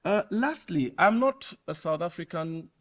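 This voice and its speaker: A man from Cameroon, a professor giving an earnest, measured inaugural lecture and reading an ode. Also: high-pitched, lively intonation. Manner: earnest, measured public speaking. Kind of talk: formal speech and reading an ode.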